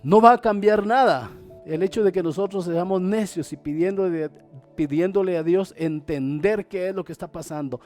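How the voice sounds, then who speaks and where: High-voiced male pastor preaching dramatically. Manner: dramatic, acts out quoted voices, swings loud and soft. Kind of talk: sermon.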